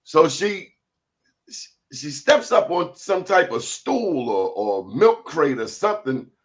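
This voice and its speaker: A man's voice: a little high, big pitch swings, slow pace. A man hosting a talk show, telling comic stories in casual, colloquial, exclamatory chat.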